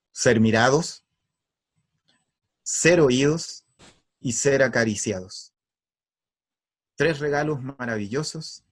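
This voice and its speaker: A man giving an earnest, emphatic spiritual talk. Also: mid-range voice. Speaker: spiritual speaker.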